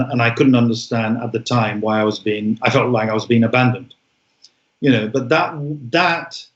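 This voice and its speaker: A man in his forties, born in Bangladesh, speaking as an interview guest in a reflective way, with frequent pauses and restarts. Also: medium pitch. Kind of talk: interview conversation. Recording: echoey room, dull sound.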